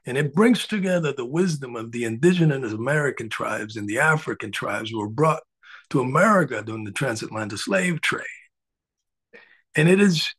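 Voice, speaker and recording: A man's voice: a little high, breathy edge. A middle-aged man from the Dominican Republic, a spiritual coach speaking earnestly to a live audience with frequent filler sounds.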